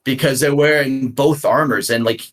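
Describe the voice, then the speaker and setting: A man's voice: medium pitch, steady tone, normal speed. A man talking casually as a podcast guest, enthusiastic and rambling. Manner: enthusiastic, rambling hobby talk. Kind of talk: casual chat.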